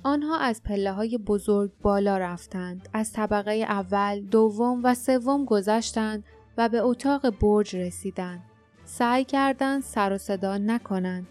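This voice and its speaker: Lady reading a fantasy audiobook, measured, faint music under her. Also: medium pitch, darkish tone. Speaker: audiobook narrator. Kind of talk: audiobook narration.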